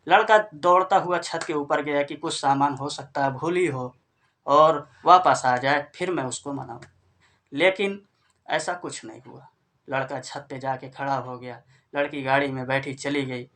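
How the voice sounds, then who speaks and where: A man's voice: a little high, fairly even intonation, unhurried, fairly bright tone. A man from northern India retelling a family story in a casual, conversational way and addressing listeners as friends. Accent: Hindi-speaking northern India.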